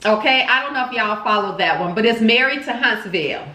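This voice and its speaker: A woman's voice: a little high, animated, a little fast, bright, forceful tone. A woman hosting a casual mukbang, chatting expressively and repeating words for emphasis while chewing her food. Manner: chewing and eating while talking. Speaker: vlog host. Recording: roomy, echoey home recording.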